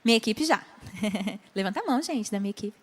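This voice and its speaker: A Brazilian woman pastor teaching at a conference, animated, acting out short dialogues and asking the audience questions. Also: mid-range voice, fast talker, slightly rough. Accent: Brazilian Portuguese. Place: large conference hall. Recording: long hall reverb.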